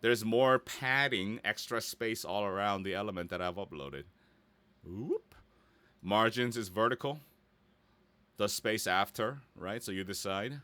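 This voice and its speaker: A male voice actor, from either Korea or the United States, talks through a website tutorial at a measured pace, his fairly low voice carrying a sharp tone in a dry recording. He's casual and playful, thinking aloud and regularly checking in with the listener.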